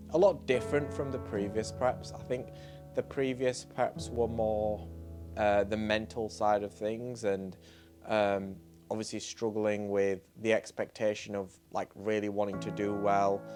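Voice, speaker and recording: A young man talking casually as a bodybuilding vlogger and posing coach, chatty and laid-back with lots of fillers. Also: lowish voice. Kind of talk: casual vlog talk. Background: music.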